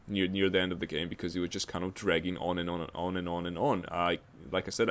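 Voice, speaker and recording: Male game reviewer, very low voice, rambling and mildly exasperated, casual talk over gameplay.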